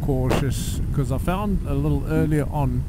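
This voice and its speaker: A man with a South African accent giving halting, filler-laden commentary while riding a motorbike along a coastal highway. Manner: halting, many fillers and restarts. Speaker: touring cyclist vlogger. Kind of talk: casual travel commentary. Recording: road and engine noise.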